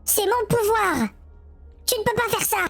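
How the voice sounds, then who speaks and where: Possessed little demon tyrant, tabletop role-play, piercingly high, creaky, frantic, possessive, music underneath. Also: male voice, expressive, a little slow, fairly bright tone, exaggerated voice. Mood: frantic, outraged. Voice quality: creaky, shrill. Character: shrinking demon tyrant, shrill, panicked, possessive.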